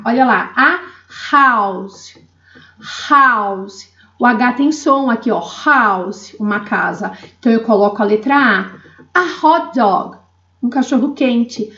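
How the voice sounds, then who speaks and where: Slow, patient woman teacher. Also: on the high side. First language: Portuguese. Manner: patient, checks in with "tá?" and acts out student questions. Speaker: English teacher. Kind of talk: classroom-style lesson. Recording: roomy, dull lo-fi sound.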